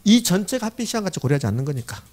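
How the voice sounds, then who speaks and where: A man giving an exam-prep lecture, reading formulas slowly, repeating them and often checking whether students follow. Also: sits high, very animated, a little mellow. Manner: frequent check-in questions to the class. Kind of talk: classroom lecture.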